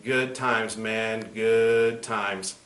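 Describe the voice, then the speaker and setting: A man playing a crude, cynical clown pitchman in a spoof infomercial, swearing and mock-sincere as he sells insulting greeting cards. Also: steady tone, drawn-out words, a bit bright. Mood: dry, mock-sincere. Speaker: comedian in character as a clown. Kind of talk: spoof infomercial sales pitch with recited rhyming card verses. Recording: roomy echo, faint background noise.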